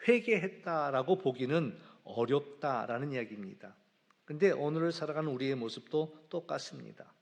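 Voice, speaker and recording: Animated male pastor preaching in a reverberant church. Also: a little high, creaky. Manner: animated storytelling, acting out characters' lines. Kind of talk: sermon. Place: church sanctuary.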